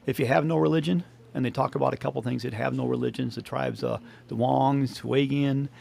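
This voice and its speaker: A man's voice: mid-range voice, fairly even intonation, a little fast, vocal fry, a little mellow, slight background noise. A man co-hosting a podcast in casual chat, rambling, laughing often and trailing off mid-sentence. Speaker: podcast co-host.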